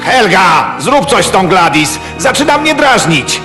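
An actor playing a sly, mocking villain who schemes in a cartoon dub. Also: male voice, sits high, very animated, unhurried. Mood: bossy. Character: scheming, sarcastic male villain, the other's brother. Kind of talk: animated cartoon dub acting. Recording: clear music bed under voice.

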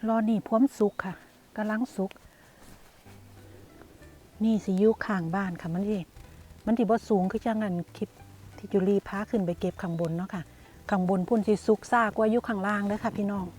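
A woman's voice: mid-range voice, fairly even intonation, moderate pace, long pauses, a little mellow, soft background music. A woman with an Isan accent, chatting casually to her viewers as she vlogs outdoors in the countryside. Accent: Isan (Northeastern Thai). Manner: chatty, addresses viewers as "brothers and sisters". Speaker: vlogger.

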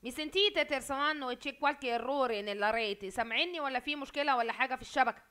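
Fast-talking Egyptian woman lecturing. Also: high-pitched, pushed and bright. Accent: Egyptian Arabic. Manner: quizzing students, repeating words. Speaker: university Italian lecturer. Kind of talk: online lecture. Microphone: video call.

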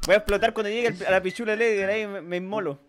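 A young man with a Chilean accent giving loud, laughing, swearing let's-play commentary with friends. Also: sits high, fairly even intonation, very fast. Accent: Chilean Spanish. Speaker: gaming video host. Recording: game music behind the voice.

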